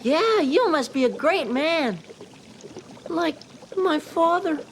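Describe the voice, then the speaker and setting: A woman's voice: sits high, lively intonation, slow, slight background noise, full character voice. A woman voicing an earnest young wooden puppet boy in a cartoon, childlike and pleading. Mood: earnest, curious. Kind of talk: dubbed cartoon acting. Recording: music behind the voice.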